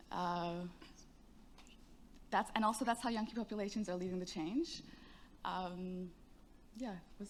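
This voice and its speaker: A woman with a fairly low voice speaks on a conference panel, measured and hesitant, often pausing on "um". A faint hum of room ambience sits behind her. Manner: measured, hesitant, with many ums. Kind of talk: panel discussion answer. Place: conference stage.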